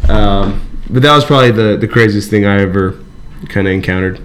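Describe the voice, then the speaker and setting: A man's voice: fairly low pitch, brisk, a bit bright, a little hiss or hum. A man on a podcast, telling a story in casual chat, full of fillers and restarts and swearing. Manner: rambling, profane, with many fillers and restarts. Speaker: podcast co-host.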